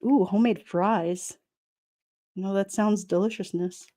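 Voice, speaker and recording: A middle-aged woman with a New York accent, casually chatting on a livestream, sassy and quick to laugh. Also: medium pitch, steady tone, dark tone. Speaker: livestream host reading chat. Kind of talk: casual chat.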